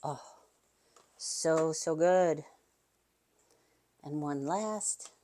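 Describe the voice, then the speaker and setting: Talking extremely slowly in a warm, low voice, a cooking channel host shows viewers a recipe at home. She's chatty and enthusiastic, addressing her audience directly as "you guys."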